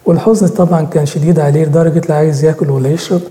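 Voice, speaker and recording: A man's voice: fairly high pitch, fairly even intonation, rapid-fire, warm tone. A man with an Egyptian accent telling a story in a sermon, acting out the dialogue. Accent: Egyptian Arabic. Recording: echoey hall with long reverb.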